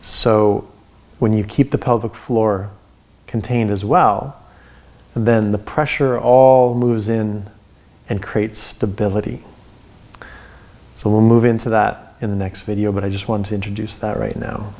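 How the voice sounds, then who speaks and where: A man giving guided breathing instruction as a yoga teacher, in calm, measured steps with pauses between short cues. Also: on the low side.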